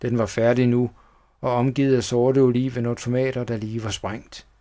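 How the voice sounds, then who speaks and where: A man reading a children's horror story aloud as a steady first-person narrator. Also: mid-range voice.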